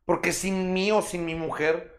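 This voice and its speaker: A man's voice: high-pitched, little pitch movement, measured pace. A young man with a Mexican accent, chatting casually and emotionally in slangy talk. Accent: Mexican Spanish. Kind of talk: casual chat.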